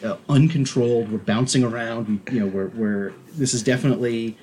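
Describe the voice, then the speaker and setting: Rambling, animated man, casual podcast chat. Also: medium pitch, a little fast, a little hiss or hum. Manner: rambling, animated, many restarts and fillers. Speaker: podcast co-host.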